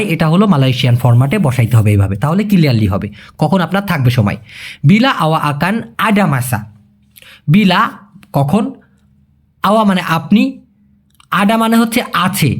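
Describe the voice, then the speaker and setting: A man teaching a casual spoken language lesson, emphatic and repetitive, addressing the viewer as brother. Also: sits high.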